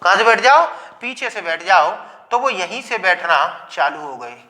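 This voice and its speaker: A man teaching a Hindi grammar lesson on video. He explains slowly and patiently, repeats key points, and asks the class questions that he then answers himself. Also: high voice, expressive, sharp tone. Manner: slow, patient explaining with repetition. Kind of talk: video lecture.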